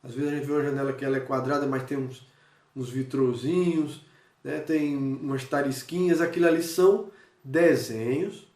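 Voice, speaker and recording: Teacher in an echoey room. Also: male voice, medium pitch, a little mellow, distant mic. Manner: talks straight to students, checks in with frequent "certo?" and "né?"; demonstrates with gestures and changes of voice. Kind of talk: recorded review lesson.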